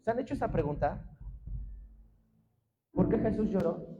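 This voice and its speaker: A man preaching a sermon as pastor in a church, impassioned and often shouting to the congregation. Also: high-pitched, animated, moderate pace, dull audio. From Mexico. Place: church sanctuary.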